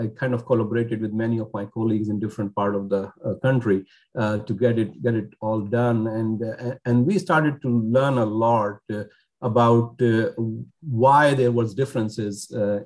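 Halting man from Pakistan. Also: on the low side, a little mellow. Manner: hesitant, many fillers and restarts. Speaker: physician guest. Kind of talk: podcast interview.

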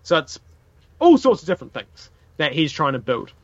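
Hosting a casual history podcast, a man with a broad New Zealand accent sounds bright and high-pitched for a man, and very animated at a normal pace. His language is colloquial and full of swearing. The audio has no room sound but comes across a little dull and boxy.

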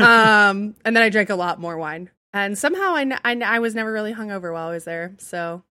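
A woman's voice: medium pitch, quick pace, pushed and bright, no room sound. A woman in her thirties from the United States, co-hosting a podcast and telling a funny story in casual chat, laughing often. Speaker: podcast co-host.

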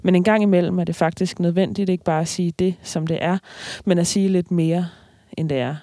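A writer reading aloud slowly from a novel, then talking about the book with hesitant fillers. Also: mid-range voice, steady tone, warm tone, dry recording, studio quality. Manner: slow, measured reading with hesitant fillers in discussion.

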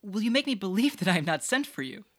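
A woman's voice: mid-range voice, sing-song, quick pace, lightly acted. A woman playing a witty, mocking male jester in a stage play, full of playful wordplay.

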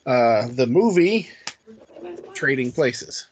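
A man's voice: medium pitch, animated, slow, slight background noise. Rambling male podcast co-host. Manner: rambling, hesitant, many fillers and restarts. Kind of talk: casual podcast chat.

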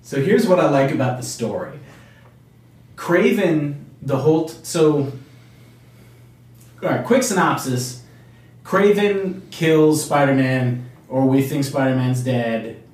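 A man's voice: medium pitch, takes it slowly, pauses often, a little mellow. An eager man co-hosting a casual comic book podcast, chuckling as he explains. He sits well back from the microphone. His voice rings in a very echoey room. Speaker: podcast co-host. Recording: distant mic, very echoey room.

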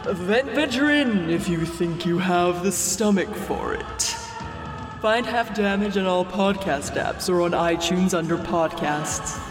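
An actor playing a menacing, theatrical undead horror host in a comic podcast promo, grandly addressing mortals and easily exasperated. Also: male voice, high voice, unhurried. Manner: theatrical, ominous. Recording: long cavernous reverb over music.

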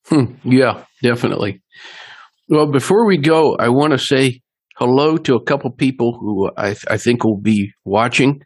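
A man's voice: mid-range voice, lively intonation, normal speed, breathy edge. A man interviewing a guest in a polite, appreciative, conversational way.

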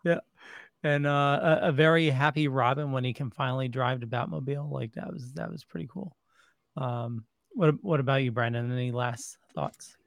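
A man's voice: medium pitch, normal speed, vocal fry, no echo, clean studio sound. A man moderating a podcast discussion in an easygoing way and asking the others for their final thoughts. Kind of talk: casual comic book discussion.

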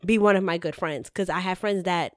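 Woman, casual chat, animated, acts out lines, dry close recording. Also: on the low side, a little fast, no echo. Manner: animated, swearing, acts out quotes.

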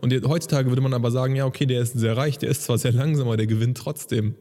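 A man's voice: mid-range voice, steady tone, fast, dark tone, big-room sound. A young man co-hosting a casual podcast, chatty and rambling, who keeps checking for agreement with tag questions. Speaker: podcast co-host.

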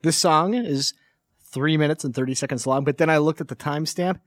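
A man's voice: on the high side, fairly quick, dry recording. A man in his forties co-hosting a casual podcast, with wry, teasing banter into a close mic. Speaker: podcast co-host.

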